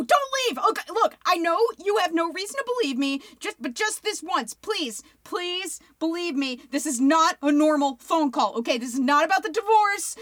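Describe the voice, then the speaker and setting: An actress playing a frantic, profane podcast host who stammers and pleads. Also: female voice, extremely high pitch, a bit bright, no room sound, clean studio sound. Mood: pleading. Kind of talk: audio drama acting.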